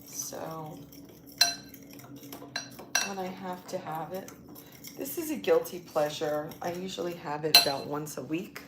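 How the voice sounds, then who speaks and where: Deep-voiced and measured, this lifestyle channel host pauses often as she cooks on a casual livestream in her home kitchen, unsure and thinking aloud. The echoey room is loud with the clatter of dishes and cutlery.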